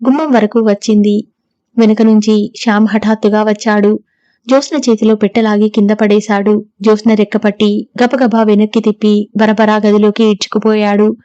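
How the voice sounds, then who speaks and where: Steady woman audiobook narrator. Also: medium pitch, normal speed, no echo, lo-fi sound. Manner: steady, even storytelling. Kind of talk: scripted novel narration.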